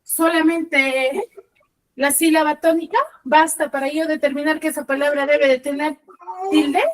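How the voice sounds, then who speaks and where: A woman's voice: high voice, level tone, measured pace. A woman teacher giving an online class over a video call, often checking in with short questions to her pupils.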